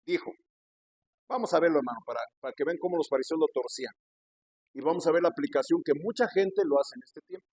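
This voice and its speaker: A man's voice: a little high, quick pace, darkish tone, no room sound, poor audio. Mexican man preaching, asking questions. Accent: Mexican Spanish. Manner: preaching, peppers speech with "hermano" and rhetorical questions. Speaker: pastor. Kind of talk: sermon. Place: church.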